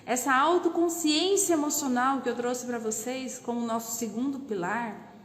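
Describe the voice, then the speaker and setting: A woman's voice: on the high side, moderate pace, roomy sound, long reverb tail. A Brazilian woman coaching on self-knowledge in a casual live lesson, emphatic and full of rhetorical questions. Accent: Brazilian Portuguese.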